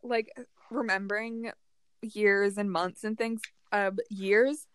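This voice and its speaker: A woman's voice: medium pitch, steady tone, clean tone, no echo. Playful young woman quipping. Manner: quick playful quips. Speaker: podcast co-host and editor. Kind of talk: casual chat.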